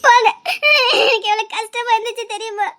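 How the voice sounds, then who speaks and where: A woman's voice: very high voice, flat delivery, brisk, fairly bright tone. An actress playing a clingy, jealous young woman in a TV serial melodrama, crying and pleading as she sobs and half laughs through her tears. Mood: tearful pleading. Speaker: lovesick cousin in a TV serial.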